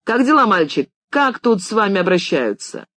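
A reader voicing an impatient American businessman with a high, slightly nasal voice, talking in clipped bursts on a phone line in an audiobook. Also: big pitch swings, normal speed, dry recording. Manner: brusque, clipped, shouting.

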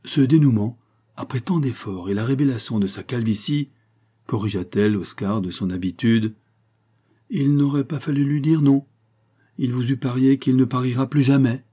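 Mellow, husky male storyteller. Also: medium pitch, normal speed. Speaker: narrator. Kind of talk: storybook reading.

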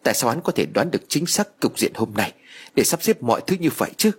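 A man's voice: mid-range voice, big pitch swings, fast, slightly rough. Man playing a stern boastful exorcist master. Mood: bitter. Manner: commanding, boastful. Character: stern arrogant male exorcist master, middle-aged.

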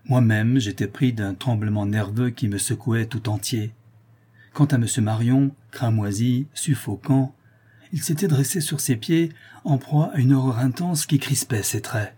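A man reading a short detective story aloud, measured and expressive. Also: medium pitch, breathy edge. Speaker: narrator.

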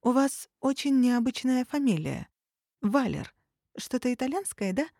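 Narrator doing a friendly chatty young hunter girl, warm-ish mellow voice. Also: high-pitched, expressive, unhurried, dry recording, clean studio sound, pitched above the performer's own voice, heavily acted.

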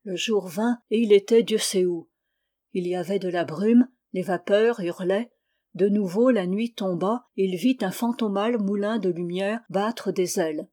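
A woman's voice: medium pitch, a little slow, mellow. Woman reading a novel aloud. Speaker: audiobook reader. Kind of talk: literary audiobook narration.

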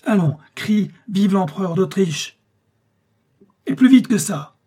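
A man's voice: fairly high pitch, normal speed, mellow, slightly rough, pitched above the performer's own voice. A man voicing an arrogant, brutal foreign army officer in a storybook reading, barking scornful commands.

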